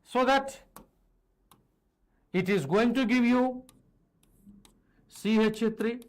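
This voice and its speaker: A man's voice: extremely high pitch, takes it slowly. A middle-aged man with an Indian accent teaches an online lesson at a board, switching between languages and addressing his students directly. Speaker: chemistry teacher. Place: indoor teaching studio with a digital board. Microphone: clip-on lapel mic.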